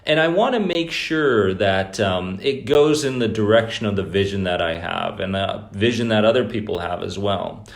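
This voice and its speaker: A man hosting a live stream about anxiety recovery, talking loosely to viewers and greeting them by name. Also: deep voice. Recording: echoey room.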